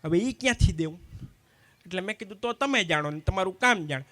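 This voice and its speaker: A man telling stand-up jokes to a community gathering, swapping quickly between the sides of each dialogue. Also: high-pitched, animated, bright, forceful tone, no room sound. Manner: quick anecdotal storytelling, acting out both sides of each exchange. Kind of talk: live stand-up joke telling.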